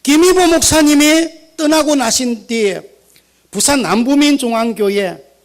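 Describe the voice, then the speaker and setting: An older retired pastor with a Gyeongsang accent, telling stories in a sermon with animated shifts between loud and quiet. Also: male voice, extremely high pitch, unhurried. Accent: Gyeongsang Korean. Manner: animated, anecdotal, swinging between loud and soft. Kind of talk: storytelling sermon.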